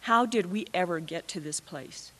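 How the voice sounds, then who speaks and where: A mother performing a personal monologue on stage, with a measured, heartfelt delivery. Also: fairly low pitch, pushed and bright. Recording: reverberant hall.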